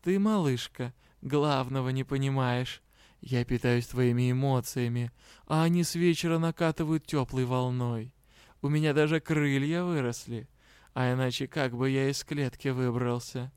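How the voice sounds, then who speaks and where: A man's voice: mid-range voice, normal speed, darkish tone, clean tone, dry recording, clean studio sound, natural voice. A man reading an audiobook, voicing a smug, lazy male cat spirit who talks in a languid, self-satisfied way.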